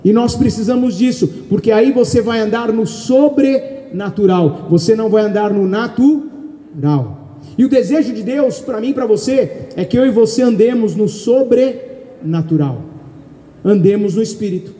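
A man preaching a sermon in Brazilian Portuguese, speaking loudly and firing questions at the congregation. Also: sits high, moderate pace. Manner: loud, calls out questions to the congregation. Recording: echoey hall, long reverb.

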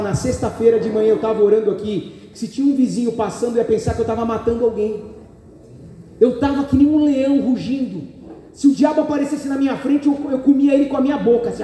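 A Brazilian male pastor with a high, warm voice and a Brazilian Portuguese accent preaches in a church hall, cracking jokes and leading call-and-response with the audience. The recording is echoey and roomy, picked up from far away.

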